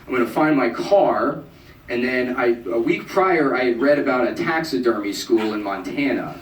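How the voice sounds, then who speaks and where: A young man performing a stand-up set in a comedy club, deadpan and self-mocking, now and then acting out people in a high mocking voice. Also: normal speed. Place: comedy club stage with audience laughing. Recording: echoey, distant amateur club recording with loud noise.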